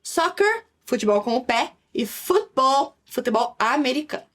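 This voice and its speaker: A young woman with a Brazilian Portuguese accent teaching an English lesson in a lively, chatty way, slowing down for English examples. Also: sits high. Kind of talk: online language lesson.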